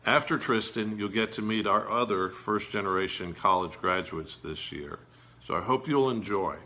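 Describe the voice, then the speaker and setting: Bright-toned man hosting a ceremony. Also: fairly low pitch, normal speed. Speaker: event host introducing speakers. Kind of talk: scripted introduction.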